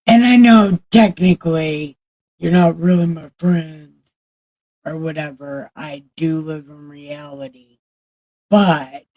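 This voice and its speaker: A woman's voice: low-pitched, darkish tone. A woman livestreamer in casual chat, talking candidly and with plenty of swearing to her viewers. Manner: candid, profane, chatting with viewers.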